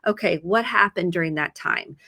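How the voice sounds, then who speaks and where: A woman's voice: on the low side, normal speed, bright, forceful tone, slightly rough. A middle-aged woman therapist earnestly explaining ideas with everyday examples. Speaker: licensed therapist. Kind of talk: conversational advice segment.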